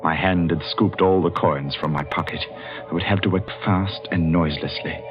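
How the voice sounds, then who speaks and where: In the first-person style of 1940s radio drama, an actor voices a haunted, anxious young adult man, brooding and jittery, narrating his own doom. His low-pitched, steady voice moves at a moderate pace and is only lightly acted. Music plays behind him on a muffled 1940s radio recording.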